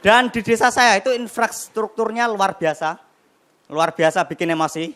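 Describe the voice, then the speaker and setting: A young man performing a stand-up comedy set on a TV studio stage, telling animated stories with acted-out voices and sound effects. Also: high-pitched, normal speed. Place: television studio stage with live audience. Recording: noisy broadcast with loud crowd laughter. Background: audience laughter.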